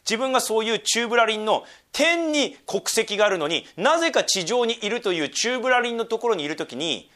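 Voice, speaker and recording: A man giving a sermon, moving between quiet, low asides and emphatic, slow readings of scripture. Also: lively intonation. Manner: wide swings between hushed asides and emphatic raised reading; slows down to read scripture deliberately. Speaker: pastor.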